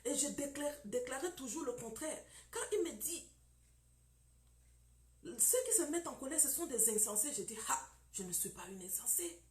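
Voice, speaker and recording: A woman's voice: high-pitched, lively intonation, normal speed, echoey room. A woman preaching about marriage, emphatic and repetitive, firing off rhetorical questions.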